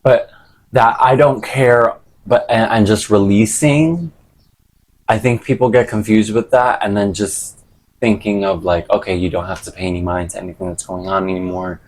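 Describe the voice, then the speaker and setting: A man's voice: on the low side, steady tone, moderate pace, a little mellow, rough recording. A man chatting casually and rambling to camera in an unfiltered, slangy, sweary way. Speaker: vlogger.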